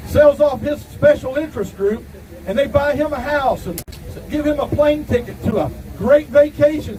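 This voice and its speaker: A middle-aged man from Ohio giving a defiant rally speech outdoors, shouting at times. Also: extremely high pitch. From Ohio, USA. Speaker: rally speaker. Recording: distant mic, crowd and street noise.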